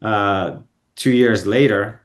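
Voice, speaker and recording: A man's voice: on the low side, slow. A man from Bulgaria, a podcast guest telling car stories in a rambling way, full of ums and restarts. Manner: rambling, self-correcting, with frequent ums and restarts. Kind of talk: casual storytelling interview. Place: podcast studio.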